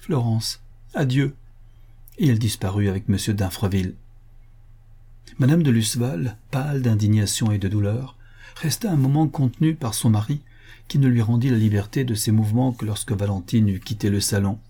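A man narrating a nineteenth-century-style novel in a steady, measured reading. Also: fairly low pitch, slightly rough.

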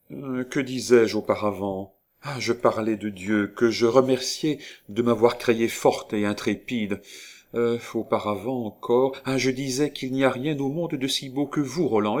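Man reading as proud young noblewoman, haughty, passionate, a bit low. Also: lightly acted. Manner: haughty, impassioned.

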